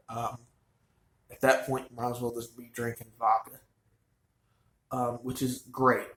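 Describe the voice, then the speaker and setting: In his own vlog, a man with a mid-range voice reviews a wine, and the sound is roomy. It's a casual chat: he rambles and chats away with frequent fillers.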